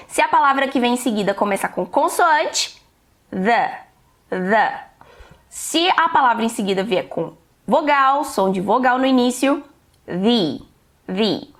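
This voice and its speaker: A woman with a Brazilian accent giving an online English lesson, patient and reassuring, slowing down to spell out examples. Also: on the high side. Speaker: English teacher.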